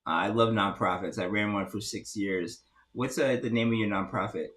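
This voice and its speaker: Low-voiced friendly male interviewer. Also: normal speed, fairly bright tone. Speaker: host.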